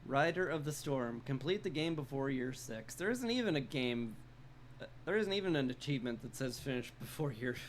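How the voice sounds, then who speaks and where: A man with a hoarse, smoker-like rasp giving casual, rambling live commentary as a video game streamer, with a wry, self-deprecating way of talking. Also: medium pitch, animated, brisk, a little hiss or hum. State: strained, hoarse throat. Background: music.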